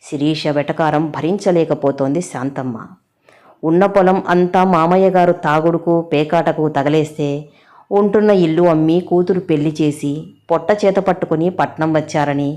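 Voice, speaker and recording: A woman storyteller narrates a family drama in a steady, expressive reading voice. Her voice sits low and sounds warm and dark. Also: moderate pace.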